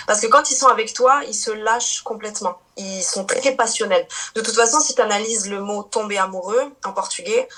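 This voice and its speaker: A woman's voice: mid-range voice, fairly bright tone. A woman in her thirties, a podcast guest chatting casually and talking at length, with frequent fillers. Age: 30s. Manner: chatty, many fillers and restarts, laughs easily. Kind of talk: casual chat.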